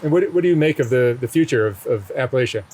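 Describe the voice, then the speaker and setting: A man's voice: mid-range voice, animated, quick pace, a little mellow. A man asking questions in a conversational documentary interview style. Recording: clear outdoor ambient noise.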